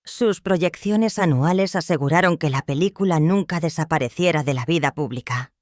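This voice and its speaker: Measured narrator with a dry voice. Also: medium pitch, no room sound. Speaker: documentary narrator. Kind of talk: scripted narration.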